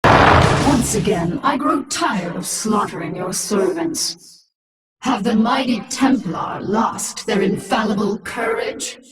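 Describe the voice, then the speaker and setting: A woman's voice: mid-range voice, slow pace, echoey room, distant mic, noisy background, natural voice. A woman voicing a haughty, menacing alien-infested warrior queen in a video game, imperious and taunting with theatrical delivery. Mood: haughty menace. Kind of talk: dramatic video game voice acting.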